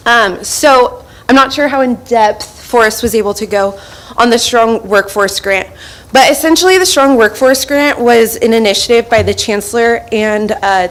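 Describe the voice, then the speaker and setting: A woman presenting a school farm plan at a board meeting, explaining with frequent fillers and a little out of breath. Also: medium pitch. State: slightly out of breath.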